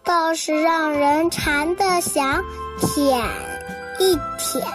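Lady playing a cheeky little tomcat, teasing, high voice, music behind. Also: steady tone, drawn-out words, full character voice. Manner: teasing, playful. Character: playful young male wild cat, teasing. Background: children's music.

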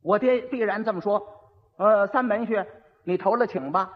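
A man's voice: sits high, moderate pace, natural voice. A man voicing a clever young bride who scolds and patiently coaches her husband, on an old dull recording with long reverb. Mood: exasperated instructing.

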